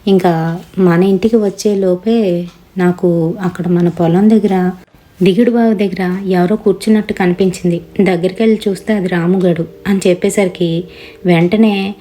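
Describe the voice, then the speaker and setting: A woman's voice: lowish voice, steady tone, normal speed, warm tone. A woman narrating a first-person horror story in a conversational retelling manner, acting out the family members she quotes.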